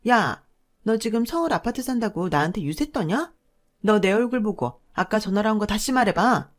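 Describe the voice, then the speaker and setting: A woman's voice: medium pitch, big pitch swings, normal speed. Woman doing a bossy greedy sister-in-law. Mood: angry. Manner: loud scolding and demanding.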